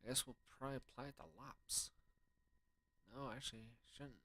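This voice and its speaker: A man's voice: medium pitch, little pitch movement, brisk, sharp tone, dry recording. Guy doing laid back game commentary, kinda grumbly and sweary, really dry close sound. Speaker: gamer playing and commenting on a game. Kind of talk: casual gameplay commentary.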